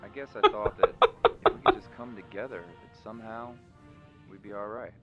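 An earnest, weary leader acted by a man delivers a solemn address in a cartoon game parody. The low, measured voice comes through slightly dull, like a broadcast, with clear music underneath. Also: a bit bright, lightly acted. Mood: grave.

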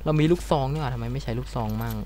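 A young man hosting a gaming channel's let's play talks casually over his gameplay in rapid-fire bursts, swearing and veering from startled shouts to low mutters. There is slight background noise.

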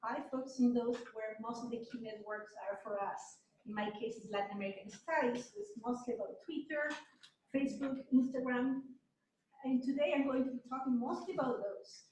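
A high-voiced woman from Chile gives a relaxed, self-deprecating lecture in a university seminar room. She is picked up from across the room, so her voice comes through roomy and distant, with a faint hum behind it. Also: brisk. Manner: conversational, self-deprecating, occasional light laughs. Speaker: guest speaker. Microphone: far room camera. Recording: distant echoey room mic.

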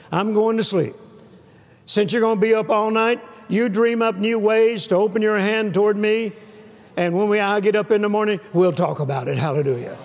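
An older man with a high-pitched, creaky voice preaches a sermon to a live audience from a church stage. He is emphatic, repeats key phrases and often calls for amens, picked up by a lapel mic with long hall reverb.

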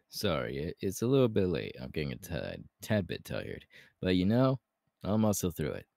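Very deep, gravelly Hawks, romantic ASMR man acting. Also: dark tone, no echo, studio quality, exaggerated voice. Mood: tired, affectionate. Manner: intimate, halting, breathy laughs and sighs. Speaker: voice actor, ASMR artist. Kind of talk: romantic ASMR audio roleplay.

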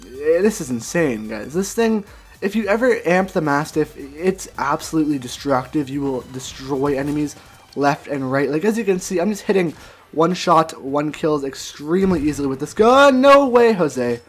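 A young man giving live commentary over his gameplay, excitable and quick to yelp when the action gets intense. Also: fairly high pitch, husky. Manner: excitable, yelps when things get intense. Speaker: gaming commentator. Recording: faint music behind the voice.

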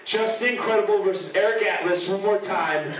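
A man's voice: high voice, moderate pace, slight background noise. A man, a pro wrestler, delivering an impassioned, emphatic promo to a live crowd, repeating himself for weight. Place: indoor banquet-style room with wrestling ring, crowd around. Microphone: handheld microphone through room speakers, heard from far camera. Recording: distant, very echoey hall with loud crowd.

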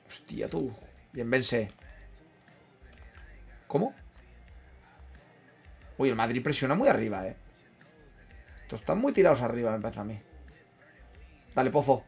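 A man with an Asturian Spanish accent casually commentating his football video game. He swears freely, repeats himself and reacts loudly to every play. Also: mid-range voice, big pitch swings, unhurried, creaky, pauses often, husky, faint music behind. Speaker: gaming streamer.

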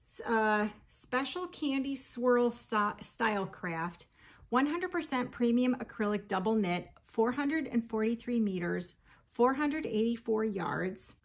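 A woman's voice: fairly high pitch, animated, measured pace. A woman in her forties chatting casually about her yarn haul at her kitchen table, laughing often and reading yarn labels aloud. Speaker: crochet vlogger. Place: home kitchen, indoors.

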